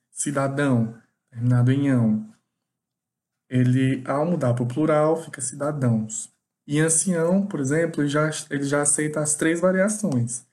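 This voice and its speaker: A teacher talks through a grammar lesson at a deliberate, unhurried pace, repeating each example. The voice is mellow and dark in tone. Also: medium pitch. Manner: slow, explanatory, repeats examples.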